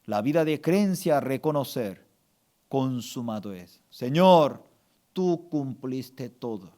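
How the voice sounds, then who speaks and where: A man's voice: mid-range voice, lively intonation, slow pace, mellow. A male pastor preaching a sermon with emphatic call-and-response, asking the congregation to repeat after him.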